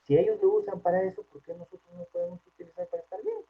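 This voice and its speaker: A man with a Peruvian Spanish accent, a psychologist giving an informal workplace talk in a chatty way, often checking in with a quick question tag. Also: high voice, fairly even intonation, husky. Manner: conversational, frequent tag questions. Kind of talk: informal lecture. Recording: tinny phone-like line.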